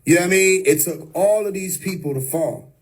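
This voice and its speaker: A man with a high-pitched, husky voice talks fairly quickly in an unscripted, preachy livestream monologue, recorded roughly on a phone or webcam. He's emphatic and repeats himself, especially the phrase "you know what I mean."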